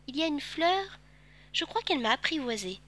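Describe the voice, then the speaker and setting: A woman's voice: high voice, very animated, moderate pace, fairly bright tone, voice pushed up. A woman voicing an earnest, curious little boy prince who asks polite questions in a storybook reading.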